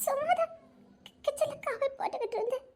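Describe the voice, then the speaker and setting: A woman's voice: very high-pitched, quick pace, darkish tone. A woman voicing a nervous young woman who stammers and speaks through tears while hiding her sadness. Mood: flustered. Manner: stammering, flustered, tearful.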